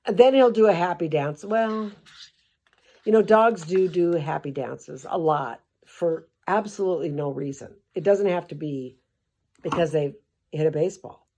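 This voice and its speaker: Sarcastic older woman, lowish voice. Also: normal speed, warm tone. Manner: sarcastic, rambling asides with mild swearing. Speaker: host reading a children's book aloud. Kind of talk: comic storybook commentary.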